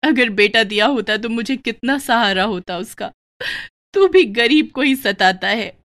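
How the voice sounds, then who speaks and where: A woman voicing a poor widowed village mother in a storybook tale. She speaks softly and faintly in a low voice. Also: animated, normal speed. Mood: despairing prayer. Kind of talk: storybook voice acting.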